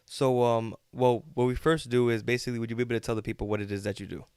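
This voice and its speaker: A man's voice: mid-range voice, steady tone, fast talker, a little mellow, smooth, no room sound, clean studio sound. A man hosting a podcast, asking questions hesitantly with fillers. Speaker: podcast host. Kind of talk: casual interview.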